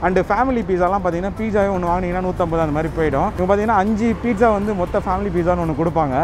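Young male food vlogger, muffled by a face mask, rapid and eager, slightly high voice. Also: music in the background. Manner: eager, addresses viewers directly. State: talking through a face mask. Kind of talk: upbeat food review vlog.

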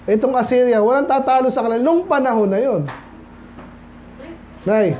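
In a church hall, a Filipino man delivers a midweek Bible study sermon conversationally, blending English into his Tagalog and often putting questions to the congregation. His voice is very high, a little mellow, at a normal speed. The recording is dull and lo-fi, with faint noise.

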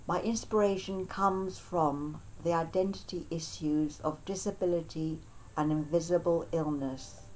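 Low-voiced composed woman. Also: steady tone, unhurried, a little mellow, low-quality recording. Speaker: artist. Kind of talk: interview monologue.

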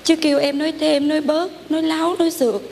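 A long-suffering young wife with a Southern Vietnamese accent in a stage play. She pleads softly in a high voice. Clear background noise runs through the recording. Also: flat delivery, fast talker. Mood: pleading. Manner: soft, pleading and plaintive. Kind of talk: stage drama acting.

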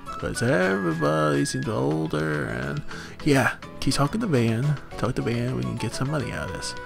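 A man giving casual, jokey gameplay commentary, animated and often yelping in surprise. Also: mid-range voice, moderate pace, creaky. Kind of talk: casual let's-play commentary. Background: game music.

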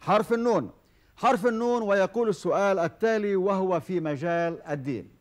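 A man hosting a televised quiz show, formal and measured, with frequent hesitation fillers. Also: high voice. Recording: old television broadcast recording.

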